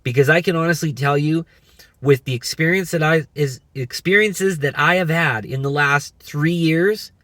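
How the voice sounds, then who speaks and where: A man in his thirties giving an earnest, halting faith testimony, often restarting his sentences and encouraging listeners to pray. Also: fairly high pitch, pushed and bright, dry recording. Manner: earnest, repetitive, many restarts. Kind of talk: personal testimony and exhortation.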